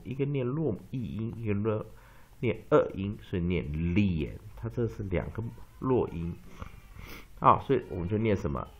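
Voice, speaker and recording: A man teaching an English pronunciation lesson. He repeats words slowly for drilling and mixes English terms into his Chinese. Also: fairly low pitch. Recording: dull lo-fi recording.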